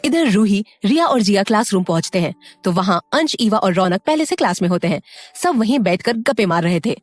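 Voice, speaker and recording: A woman's voice: medium pitch, expressive, fairly quick, dry recording. A woman narrating a scripted audio story, with friendly asides to the listener.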